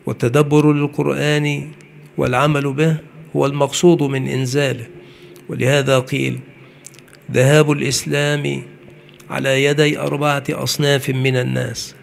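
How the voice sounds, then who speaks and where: A man giving a measured religious lecture, slowing down on his key points. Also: mid-range voice, level tone, creaky, a little hiss or hum. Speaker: preacher.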